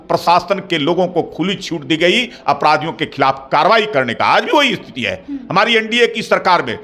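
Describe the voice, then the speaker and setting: A middle-aged man, speaking as a party spokesperson in a formal interview, measured and repetitive, building into firm claims. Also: sits high, bright, forceful tone. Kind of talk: formal political interview answers.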